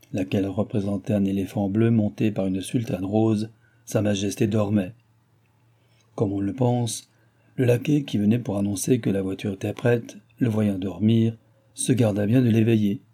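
Guy reading an audiobook, low husky voice, steady and calm. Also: moderate pace. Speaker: audiobook narrator. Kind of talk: scripted narration.

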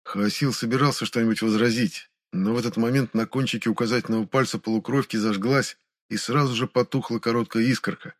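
A man giving scripted narration of a fantasy audiobook in a measured, steady reading. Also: mid-range voice.

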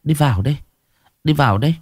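A man's voice: on the high side, husky, no echo, studio quality, voice pushed up. A man putting on a chatty older village woman. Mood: bustling. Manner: fast, fussy chatter.

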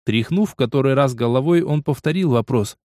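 A man narrating an audiobook in a steady, lively storytelling manner. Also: mid-range voice, a little fast, no room sound, clean studio sound.

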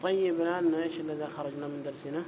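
Guy teaching grammar class, quizzing students, lots of noise behind him. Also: fairly even intonation. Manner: quizzes students and corrects them briskly; reads the text aloud louder and higher. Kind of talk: classroom lesson with student questions. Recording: dull lo-fi recording with clear background noise.

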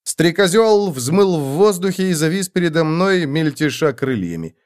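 A man reading a fantasy audiobook in the first person, expressive narration. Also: on the high side, normal speed. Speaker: audiobook reader.

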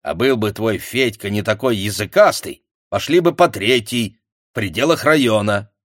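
A man's voice: fairly low pitch, animated, normal speed, no room sound, studio quality. Man playing a curt folksy village chairman. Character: brusque middle-aged male village chairman.

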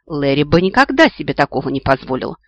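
A man voicing a preachy old female elf ghost, a grandmother with a shrill, moralizing voice. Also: big pitch swings, fast, fairly bright tone, no echo. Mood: scolding.

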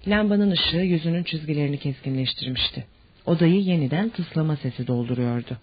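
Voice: medium pitch, brisk, breathy edge. A narrator reading a novel aloud as an audiobook. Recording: dull lo-fi audiobook recording.

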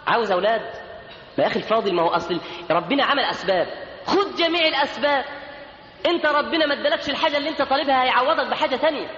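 Emphatic Egyptian preacher in an echoey hall. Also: male voice, extremely high pitch, bright, forceful tone, lo-fi sound. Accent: Egyptian Arabic. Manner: emphatic, rising to chanted verse. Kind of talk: sermon.

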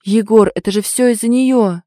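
A woman's voice: a little high, normal speed, warm tone, no room sound, clean studio sound, voice pushed up, natural voice. A woman reading an audiobook, voicing a shocked young man who lashes out in a daze. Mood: shaken. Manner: tense, dazed accusations. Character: shocked, dazed young man, furious and lost.

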